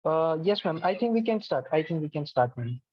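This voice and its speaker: On the high side and expressive, with a slightly rough edge, a man talks fairly quickly as he patiently leads students step by step through an online class platform, frequently saying "okay." The video call mic sounds dull and lo-fi, dry without echo.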